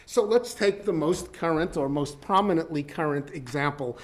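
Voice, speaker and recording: A man giving an academic law lecture in a measured, deliberate way, with frequent ums and uhs. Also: on the high side. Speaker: law professor. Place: lecture hall.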